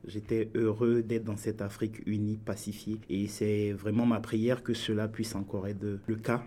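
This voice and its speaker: Guest, male, 40s, from Ivory Coast; dark low voice, relaxed storytelling full of "euh". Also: normal speed. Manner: warm storytelling, frequent fillers. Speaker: podcast guest. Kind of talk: casual interview talk.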